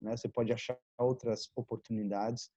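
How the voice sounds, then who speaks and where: A man offers encouragement as a business mentor in a video meeting, tagging questions onto the ends of his sentences. His voice comes through dark and mellow, on dull, dry, lo-fi call audio with no room sound. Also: mid-range voice, little pitch movement, normal speed, dry recording. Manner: encouraging, leans on tag questions.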